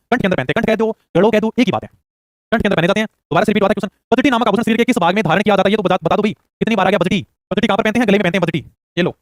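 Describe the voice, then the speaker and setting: A man teaching a quiz-style exam prep lesson, firing off questions and urging quick answers. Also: sits high, dry recording, studio quality. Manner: rapid-fire, urging answers fast.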